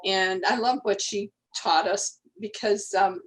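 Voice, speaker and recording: A woman's voice: mid-range voice, steady tone, slow pace, slight background noise. A woman, a guest telling rambling stories in casual conversation. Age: 80s. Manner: chatty, rambling storyteller.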